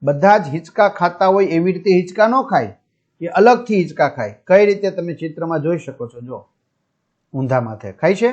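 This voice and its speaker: A man's voice: high-pitched, animated, moderate pace, darkish tone. A man teaching young pupils, reading a story aloud, restating each line in simpler words and checking in with his listeners. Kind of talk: reading and explaining a school lesson. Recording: dull lo-fi sound.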